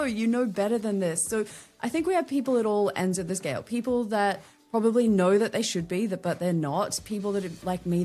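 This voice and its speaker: An Australian woman, a LinkedIn strategist guesting on a podcast interview, talks candidly and chattily, dropping wry asides. Her voice is medium in pitch and a little mellow.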